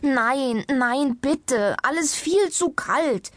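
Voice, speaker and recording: A woman's voice: fairly high pitch, sing-song, slow pace, dry recording, voice pushed up, heavily acted. A woman voicing an anxious, plump man who complains in a pained, flustered way, in a children's audiobook. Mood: protesting.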